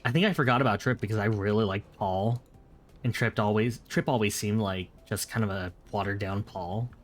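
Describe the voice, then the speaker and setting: A man's voice: on the low side, a little fast, faint music behind. Rambling man on a late-night stream. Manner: rambling, self-correcting, chats with viewers.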